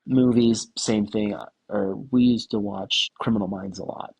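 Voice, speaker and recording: Young male podcast co-host, husky and fairly low, loose rambling chat. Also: moderate pace, no room sound, low-quality recording. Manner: relaxed and rambling, with many restarts and "like"s. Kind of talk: casual chat.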